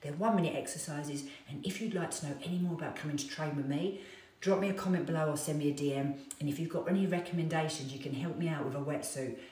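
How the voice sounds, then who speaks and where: Low-voiced woman, chatty and roomy. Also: fast. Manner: chatty, animated, self-mocking storyteller. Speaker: fitness trainer. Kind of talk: casual storytelling chat to viewers. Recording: echoey room, distant mic.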